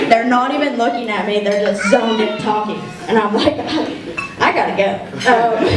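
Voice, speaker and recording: A young woman giving an emotional wedding toast as the best friend, laughing often and close to tears. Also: mid-range voice. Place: wedding reception room. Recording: echoey room, distant mic, faint noise.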